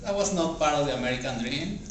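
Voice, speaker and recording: Speaking with animation in a fairly high voice, a non-native English speaker delivers a personal motivational speech as practice for his club before a small audience. He halts between phrases with deliberate pauses. The indoor meeting room is very echoey, and the distant camera or room mic also catches faint noise.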